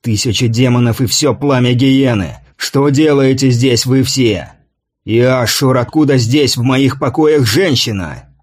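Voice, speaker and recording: A man voicing a fierce, proud warrior king who speaks with a slow, gruff growl. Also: mid-range voice, natural voice. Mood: furious.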